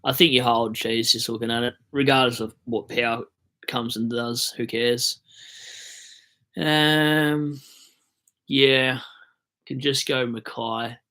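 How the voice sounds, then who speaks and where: Australian male streamer, mid-pitched, loose chatty delivery with the odd swear and mock rant. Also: steady tone, takes it slowly, pauses often, pushed and bright. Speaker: fantasy football livestream host. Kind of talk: casual livestream chat.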